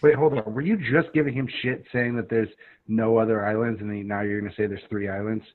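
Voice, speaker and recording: A man co-hosting a podcast, chiming in with quick interjections and laughing along. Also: fairly low pitch, steady tone. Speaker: podcast co-host. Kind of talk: casual chat. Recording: tinny phone-like line.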